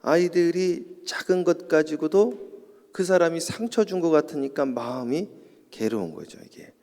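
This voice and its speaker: A man's voice: a little high, animated, moderate pace. A middle-aged man preaching an early-morning sermon in a church, telling stories and building to emphatic points. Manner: storytelling, rising to loud emphatic preaching. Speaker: pastor. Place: church sanctuary. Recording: echoey church hall.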